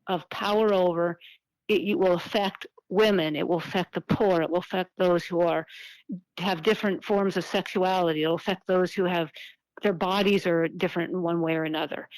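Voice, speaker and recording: A middle-aged woman speaking earnestly and haltingly as an interview guest over an old flip phone call, often repeating words as she reflects. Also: lowish voice, dry recording. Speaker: interview guest, activist and author.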